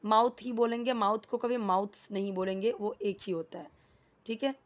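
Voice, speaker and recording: A woman's voice: mid-range voice, steady tone, moderate pace, dull audio. A woman teaching a casual lesson, patiently explaining and repeating words, often checking in with the listener. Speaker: English teacher.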